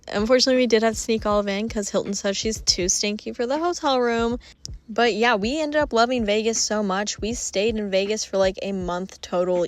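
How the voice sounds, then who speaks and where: A woman narrating her travel vlog in a chatty, upbeat voice-over. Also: mid-range voice. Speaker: travel vlogger.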